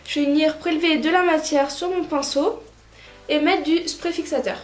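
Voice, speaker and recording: A woman narrating a makeup tutorial as a vlogger, chatty and relaxed with lots of filler words. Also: high voice, normal speed. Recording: roomy echoey room, faint music.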